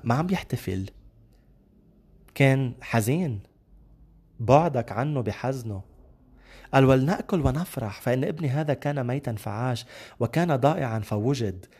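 Lebanese man preaching conversationally. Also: mid-range voice. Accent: Lebanese Arabic. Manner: conversational, lively storytelling with quoted scripture and light laughs. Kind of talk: sermon.

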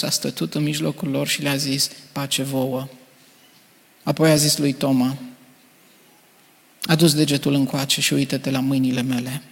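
Gravelly preacher reading in a hall. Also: male voice, medium pitch, a bit bright. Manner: measured, earnest reading. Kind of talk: reading scripture aloud to a congregation. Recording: reverberant hall.

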